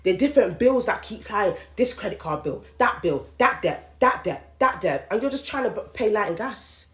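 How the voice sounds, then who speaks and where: In an echoey, roomy space, a woman in her late 30s hosts a solo podcast, venting candidly with emphatic repetition. Her mid-range voice is expressive and fairly bright, at a moderate pace.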